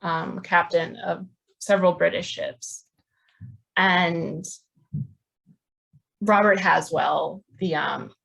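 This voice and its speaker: A woman giving an academic history talk, pausing often with ums and restarting her phrases. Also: on the low side, steady tone, gravelly, fairly bright tone, slightly rough, poor audio. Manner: hesitant, many ums and restarts. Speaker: history lecturer.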